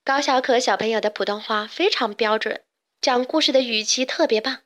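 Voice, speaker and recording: A woman's voice: on the high side, brisk, a bit bright. A woman hosting a program, giving an upbeat, encouraging scripted introduction to a child's storytelling.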